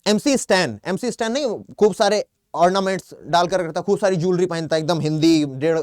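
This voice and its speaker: High-voiced chatty teacher with a Hindi accent. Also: male voice, brisk, a little mellow, no echo, clean studio sound. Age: young adult. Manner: chatty, calls students "beta", keeps asking then answering his own questions. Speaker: English vocabulary teacher. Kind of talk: online exam-prep class.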